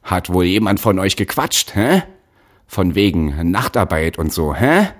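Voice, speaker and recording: A man voicing a brutal factory overseer who shouts threats at child workers. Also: low voice, lively intonation, unhurried, husky, full character voice. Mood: furious. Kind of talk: audiobook character voice.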